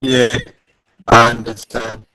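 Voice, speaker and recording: A man calling into a meeting whose call audio keeps breaking up badly. He repeats himself, halting, to get through. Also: mid-range voice, flat delivery, pushed and bright. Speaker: caller to a public meeting. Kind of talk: speaking over an online call.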